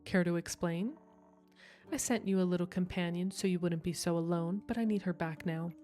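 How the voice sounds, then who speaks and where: A woman voicing a scheming villain who spins threads of fate, with a cool, mocking, measured delivery, as she reads visual novel dialogue. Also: fairly low pitch, steady tone, warm tone, soft background music, natural voice.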